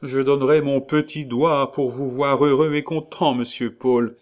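Landlady, older woman, fussing and chatty, high and bright, played by a male reader. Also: fairly even intonation, a little slow, natural voice.

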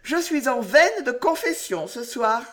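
Narrator lady doing a young emotional courtesan, higher and lively, swoops around a lot. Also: slow. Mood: laughing. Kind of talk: audiobook character reading.

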